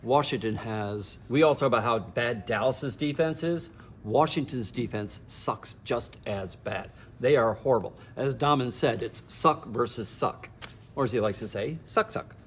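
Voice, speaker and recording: A man co-hosting a casual football chat, relaxed and matter-of-fact with a wry edge. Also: medium pitch, moderate pace, a little hiss or hum. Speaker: co-host.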